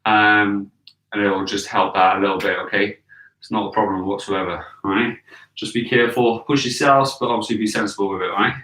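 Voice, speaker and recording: Male fitness instructor, thirties, casual and encouraging explainer with a bright voice, slightly distant in a roomy space. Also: on the low side, steady tone, a little fast. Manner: encouraging, checks in with "okay?" and "all right?". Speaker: fitness coach leading a home workout. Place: living room with wooden floor, indoors. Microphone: camera a few metres away. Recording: echoey room, distant from the mic.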